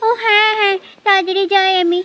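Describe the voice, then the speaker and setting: A scolding yet doting village mother, as a woman voices her in a doll story, bustling and fast. Her voice sits extremely high. The recording sounds dull and lo-fi. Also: level tone, bright, forceful tone. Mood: fussing.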